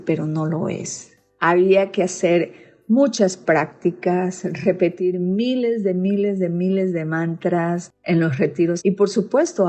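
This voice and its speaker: A middle-aged woman reading her personal religious testimony in an earnest, measured way. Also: on the low side, mellow. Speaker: testimony speaker.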